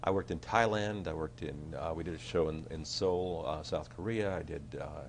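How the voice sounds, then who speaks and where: This man's voice is extremely low and creaky, at normal speed, with a little hiss or hum on the recording. Appearing as a talk show guest, the magician and stage effects designer chats and then launches into a comic magic act, animated and jokey, with showman patter and snatches of humming.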